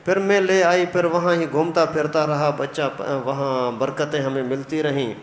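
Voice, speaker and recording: A man preaching in a lively storytelling style, his fairly high voice slipping into the voices of the people in the tale. The recording is roomy, with a long hall reverb and a faint background hiss. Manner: animated, acts out quoted dialogue. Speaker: preacher, mufti. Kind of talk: storytelling sermon. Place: mosque hall. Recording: echoey mosque hall, faint noise.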